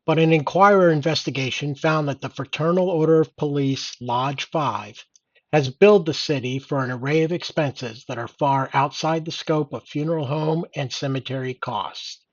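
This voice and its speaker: A man's voice: on the high side, normal speed, no room sound, highs cut off. An older man reading out and commenting on news in an indignant, sardonic old-man rant. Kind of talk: opinionated read-aloud news commentary.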